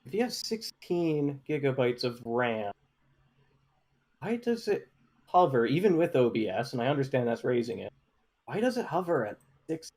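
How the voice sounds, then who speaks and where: A man's voice: mid-range voice, sing-song, moderate pace, a little mellow. A man chatting casually with a friend over a voice call during a gameplay stream, asking troubleshooting questions while his mic drops out and cuts off the ends of his sentences. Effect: choppy mic dropouts cutting off sentence endings.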